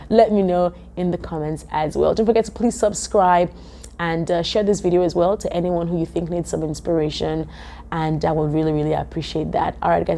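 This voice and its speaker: A woman's voice: fairly low pitch, a little hiss or hum. Chatty woman vlogging. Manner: chatty, animated, with many "um"s. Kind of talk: casual talk to camera. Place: office.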